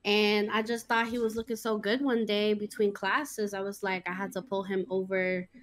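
A woman's voice: medium pitch, flat delivery, moderate pace. A woman playing the one being courted on a role-play dating game show, flirty and playful. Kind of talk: casual role-play chat.

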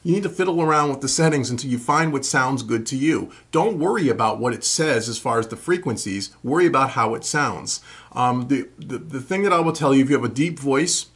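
A husky middle-aged man hosts a home recording tutorial Q&A show, casually explaining things to camera as he answers viewer questions. His mid-range voice is animated, fairly quick and a bit bright, in a small furnished room at home.

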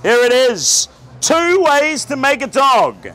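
An Australian man in his thirties performs as a theatrical street magician at a night market outdoors, projecting to onlookers and cracking jokes during his patter. His very high, bright, forceful voice swings widely in pitch and moves slowly, captured on an outdoor camera with crowd noise and music behind.

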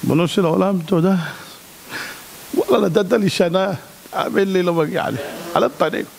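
Animated rabbi preaching in a reverberant hall. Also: male voice, high-pitched, gravelly, slight background noise. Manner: animated, swings between shouting and hushed pleading. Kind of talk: sermon.

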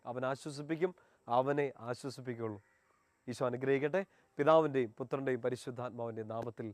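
A man preaching a sermon, earnest and pleading, rising in force and then dropping soft. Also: medium pitch, quick pace, no echo.

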